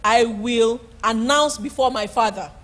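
A woman's voice: fairly high pitch, measured pace, a bit bright. A middle-aged woman pastor preaching a sermon from a church pulpit, emphatic, repeating key words and calling out praise. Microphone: handheld microphone.

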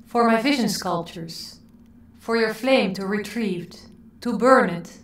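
A woman playing a calm, self-assured woman artist who speaks in a poised, declamatory manner. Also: medium pitch, slow pace. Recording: roomy echo.

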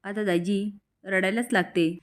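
A woman's voice: medium pitch, fairly even intonation, measured pace. Woman narrating a serial recap. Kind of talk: storytelling recap.

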